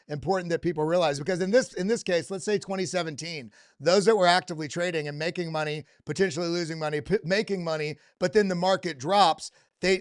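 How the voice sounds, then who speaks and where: A man hosts an interview with eager energy, cutting in to stress points and read out viewer questions. His voice sits fairly high and sounds smooth and clear. The sound is dry and close, with no room around it. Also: dry recording. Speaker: host. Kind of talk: casual interview.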